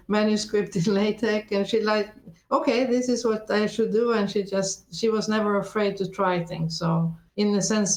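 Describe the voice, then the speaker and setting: An interview guest whose first language is Norwegian, though she grew up in Sweden, reflects thoughtfully in conversation, frequently restarting and correcting herself. Her medium-pitched voice is a little mellow. The audio is poor, in an echoey room.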